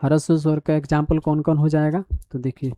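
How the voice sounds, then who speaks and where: A male teacher giving a school grammar lesson, dictating definitions slowly word by word as he writes them down and asking the class questions along the way. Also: a little high, little pitch movement, dark tone, dry recording. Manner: repeats definitions and quizzes the class.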